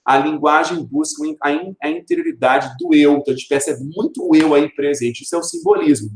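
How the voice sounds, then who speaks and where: A Brazilian man with a Brazilian Portuguese accent and a voice on the high side gives a recorded literature video lesson in an echoey room. He explains things, raises rhetorical questions and answers them, and reads verse slowly while stressing its sounds.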